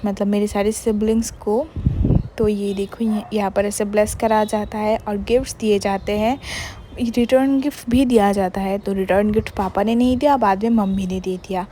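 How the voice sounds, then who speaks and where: A woman's voice: medium pitch, dark tone, a little hiss or hum. A young woman from Bengal, chatting casually over her vlog footage and mixing in English words and fillers. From Bengal, India. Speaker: vlogger.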